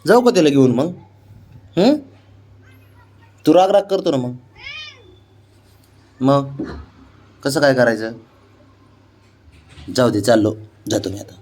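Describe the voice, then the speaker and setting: A man's voice: medium pitch, expressive, slow pace, long pauses, a little mellow. A man talking playfully to his pet cat in coaxing, teasing baby talk. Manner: coaxing, teasing, sing-song questions.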